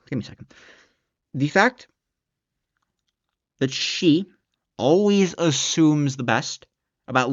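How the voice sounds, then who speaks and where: A man in a middle register reviews a book off the cuff, cursing often and pushing his voice higher as his exasperation builds. The recording is muffled and lo-fi, with a dead, dry sound and no room around him. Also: no echo. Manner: profane, exasperated ranting, voice climbing when worked up. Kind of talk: casual spoken book review.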